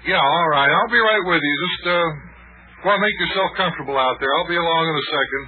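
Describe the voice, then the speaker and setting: A man's voice: fairly high pitch, quick pace, phone-quality sound, noisy background, lightly acted. A man narrating and playing a genial grown-up in an old children's radio show, reassuring and storytelling. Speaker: narrator and host.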